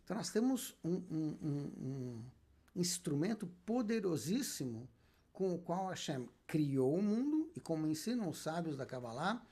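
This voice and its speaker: Male rabbi, husky lively delivery, lectures with rhetorical questions. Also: on the high side. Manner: emphatic, asks and answers his own questions. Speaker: rabbi teaching Kabbalah. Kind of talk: spoken lecture.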